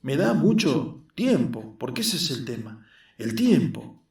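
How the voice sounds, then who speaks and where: Squeaky voice, skinny young man, earnest, patient explainer, put on by a male storyteller, roomy, distant mic. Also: sing-song, measured pace, gravelly, a little mellow.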